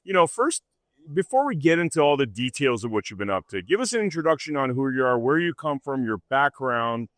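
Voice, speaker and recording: A man interviews a guest in a relaxed way, eager and quick to react. His pitch swings up and down a lot as he talks. It is recorded dry and close. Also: no room sound. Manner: eager, reacts with frequent wows. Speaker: podcast interviewer. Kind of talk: casual interview.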